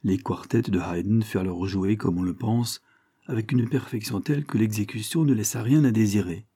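Low, mellow male audiobook narrator. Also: slightly rough, no echo, clean studio sound. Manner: steady, measured storybook reading. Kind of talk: scripted narration.

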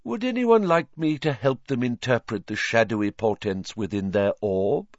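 A man voicing an airy, theatrical older female seer who teaches, breathy and murmuring. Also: medium pitch, moderate pace, dry recording, muffled recording, voice pushed up, natural voice. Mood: mystical.

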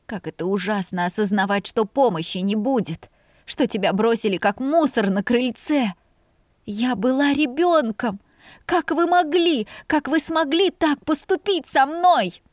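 Anguished young woman , voiced by a woman reader, sobbing and accusing, pitched higher than the narration. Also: unhurried, no room sound, clean studio sound, close to an everyday voice.

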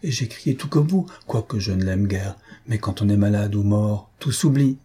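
A man voicing a chatty, self-important older woman who gossips and exclaims excitedly in a storybook reading. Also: on the low side, moderate pace, husky. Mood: gossipy.

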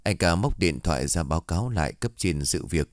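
Deep-voiced male horror storyteller. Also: lively intonation, brisk, no room sound, studio quality. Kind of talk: scripted narration of a horror tale.

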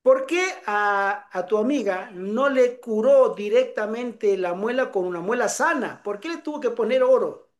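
A man preaching a sermon, telling a personal story with animated storytelling and acting out the voices of the people in it. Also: sits high, measured pace, hardly any pauses.

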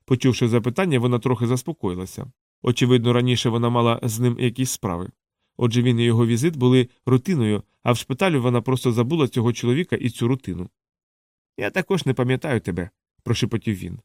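Male audiobook narrator, mid-pitched, steady, dry close mic. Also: no echo. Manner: measured, steady reading. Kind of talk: scripted narration.

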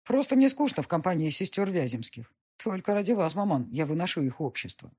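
A woman reading the lines of a stubborn young nobleman arguing with his mother, in her own husky voice with a sullen, insistent manner. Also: fairly low pitch, very animated, fairly quick, darkish tone.

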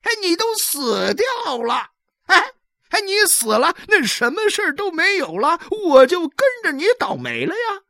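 A loud, blustering boss of a blood station scolds in a high, strained voice, as a woman puts him on for a storybook reading. His voice leaps wildly up and down, and the recording is dry and close. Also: huge pitch swings, unhurried, dry recording, full character voice. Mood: scolding. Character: blustering bossy man in charge of blood selling.

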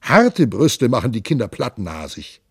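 A man voicing a jovial, hard-drinking monk in an audiobook, loud and hearty with a raised voice. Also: big pitch swings, a little slow, breathy edge, dry recording, studio quality. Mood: boisterous. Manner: loud, hearty, high-pitched boisterous delivery. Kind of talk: audiobook character voice.

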